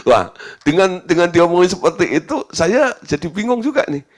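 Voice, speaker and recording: A man's voice: sits high, big pitch swings, normal speed. A male pastor giving a sermon in a chatty, storytelling way, laughing now and then. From Indonesia.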